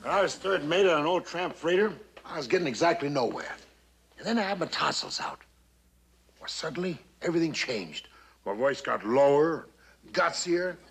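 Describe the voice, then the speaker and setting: An actor playing a jovial, brawny middle-aged navy commander who chuckles often, in a 1960s sitcom. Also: male voice, fairly high pitch, animated, normal speed, creaky, fairly bright tone, a little hiss or hum. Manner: hearty, chuckling, folksy. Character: jovial brawny male PT boat skipper.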